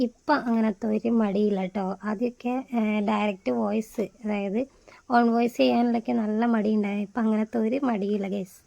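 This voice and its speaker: A woman's voice: a little high, gravelly, warm tone, muffled recording. A woman with a Malayali accent narrating a casual vlog, mixing English words into her speech. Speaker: vlogger narrating a hill trek.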